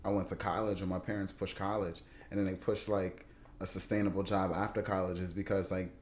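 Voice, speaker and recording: A man with a fairly low voice chats casually as a podcast co-host. His talk is slangy and he often repeats a point for emphasis. The sound is noticeably roomy. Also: level tone, fairly quick, a little hiss or hum.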